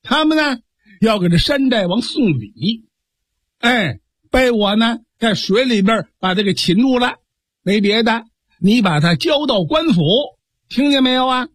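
A man's voice: extremely high pitch, lively intonation, measured pace, a bit bright, no echo, studio quality, full character voice. A man voicing a bold, commanding male imperial guard hero who blusters and threatens in a storytelling performance.

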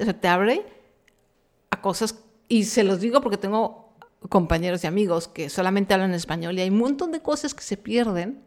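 Brief: middle-aged Mexican woman, podcast host, Mexican accent, mid pitch, frank and chatty, slangy asides. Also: darkish tone. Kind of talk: casual chat monologue.

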